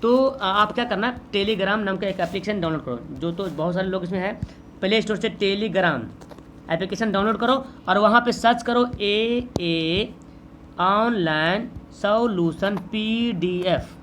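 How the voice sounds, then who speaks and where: A man's voice: high-pitched, normal speed, fairly bright tone, slight background noise. A man with a Bihari Hindi accent teaching an exam-prep lesson, patiently explaining and repeating his questions back to students.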